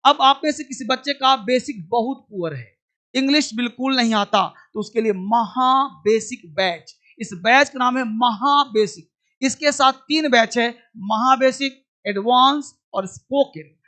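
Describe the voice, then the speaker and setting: A man teaches an online English pronunciation class, repeating every point and drilling and quizzing his students, whom he affectionately calls child. His voice is very high-pitched, bright and forceful, at a measured pace.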